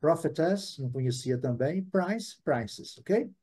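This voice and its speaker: A man's voice: a little high, expressive, measured pace, warm tone. Chatty Brazilian man teaching a class. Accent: Brazilian Portuguese. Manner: chatty, often adds tag questions. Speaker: English teacher. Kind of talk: live online language class.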